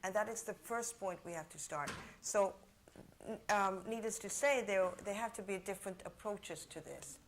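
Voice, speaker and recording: A woman from Venezuela giving thoughtful remarks as a conference panelist, often pausing on fillers. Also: mid-range voice, slight background noise.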